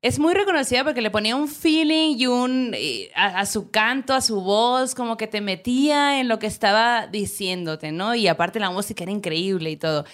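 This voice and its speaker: A woman's voice: on the high side, expressive, moderate pace, few pauses, fairly bright tone. A Mexican woman co-hosting a podcast, chatting casually with lots of slang. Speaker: podcast co-host. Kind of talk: casual chat.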